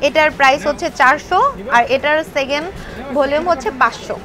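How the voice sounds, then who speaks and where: At a crowded book fair stall, a bookstall seller shows off her products in a casual interview, slipping English words into what she says. Her voice sits high and moves fairly quickly, with the noisy crowd audible behind.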